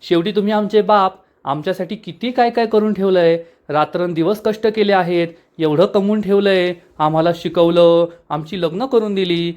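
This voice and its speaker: A man's voice: sits high, moderate pace, hardly any pauses, a little mellow, lightly acted. A man voicing a hot-headed young man from a TV serial, talking in an angry, confrontational way. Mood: sarcastic.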